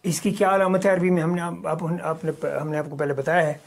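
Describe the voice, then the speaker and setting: A man from Kashmir teaches a recorded Arabic lesson. He reads each example sentence slowly and deliberately, then speeds up to explain the exercise and how to check the answers. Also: on the high side, steady tone. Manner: explains at a quicker pace between examples.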